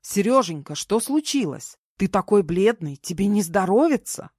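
A woman's voice: medium pitch, animated, moderate pace, darkish tone, breathy edge, dry recording, clean studio sound. A woman reading an audiobook voices a kind elderly woman who fusses and chatters, doting and worried. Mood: fussing. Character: kind, fussing elderly woman, a mother-in-law. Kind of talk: audiobook character voice.

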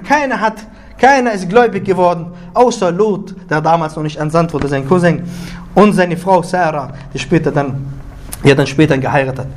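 High-voiced male preacher telling a story. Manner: animated storytelling, often repeats and restarts words; weaves Arabic religious phrases into German speech. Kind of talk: Friday sermon retelling a prophet story.

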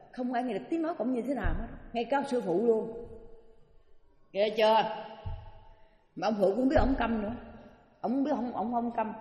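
A Southern Vietnamese woman gives a Buddhist dharma talk in a fairly high voice, spinning anecdotes and throwing quick questions at the room. Her voice rings through a large hall with a long, echoing tail. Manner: lively storyteller, questions the audience. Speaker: Buddhist teacher. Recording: echoey hall with long reverb.

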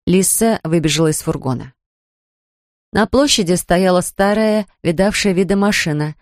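A woman narrating an audiobook in a measured, even manner. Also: lowish voice, dry recording, clean studio sound. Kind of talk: scripted narration.

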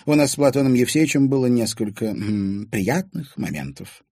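A teasing, gracious older lady holds court in an audiobook scene, as a man puts her on. The voice is lifted high, husky and lively in its rise and fall. The recording is dry and close. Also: moderate pace, dry recording, natural voice. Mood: coquettish. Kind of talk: audiobook character voicing.

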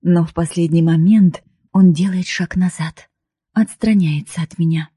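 Husky woman reading an emotional audiobook. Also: lowish voice, fairly even intonation, unhurried, warm tone, dry recording, studio quality. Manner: heartfelt, pleading. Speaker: audiobook reader. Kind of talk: emotional first-person audiobook narration.

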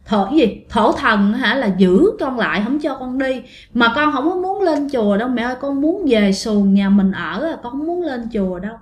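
A woman voicing the ghost of a young man who pleads softly and mournfully, cold and in pain. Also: fairly high pitch, animated, moderate pace, lightly acted. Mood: mournful pleading.

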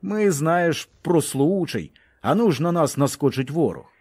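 A man's voice: a little high, lively intonation, a little slow, darkish tone, breathy edge, pitched above the performer's own voice, heavily acted. A man doing panicky ragged soldiers. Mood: frightened. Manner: nervous, stammering. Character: frightened ragged retreating male soldiers, hysterical.

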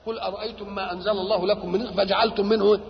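A man's voice: high voice, little pitch movement, very fast, vocal fry, slight background noise. An older man with an Egyptian Arabic accent explains scripture, asking rhetorical questions and answering them himself. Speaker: Quran commentator. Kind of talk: Quranic exegesis lecture. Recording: dull lo-fi archival tape with reverb.

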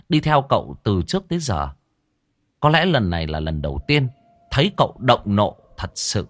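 A man narrating a ghost story audiobook with lively, expressive storytelling. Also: on the low side.

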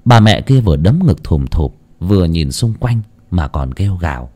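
A man telling a ghost story in a dramatic, expressive way. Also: deep voice, moderate pace.

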